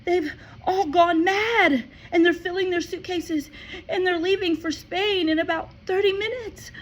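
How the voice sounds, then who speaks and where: Woman reading as a desperate little girl, squeaky high and sliding all over, breathless cries. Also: huge pitch swings, measured pace, full character voice. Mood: frantic crying. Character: little girl, frantic and pleading.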